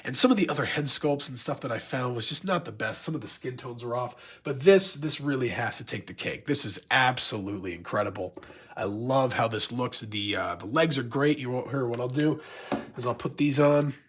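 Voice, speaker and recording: A man's voice: mid-range voice, brisk, fairly bright tone, husky. A man with a stuffy, blocked nose from being sick, giving a casual unboxing review in a rambling, gushing fan manner. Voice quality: congested, stuffy-nosed. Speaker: YouTube toy collector and reviewer.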